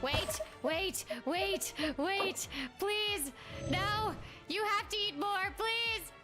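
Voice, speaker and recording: With game music in the background, a streamer and voice actor chats casually with viewers, self-deprecating and full of fillers. Her voice is extremely high and extremely slow.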